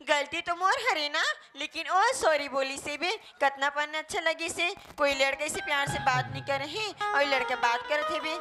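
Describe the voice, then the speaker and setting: A woman's voice: high voice, sharp tone. A woman acting a feisty young college student in comic folk theatre, with a Chhattisgarhi accent. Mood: softened, apologetic.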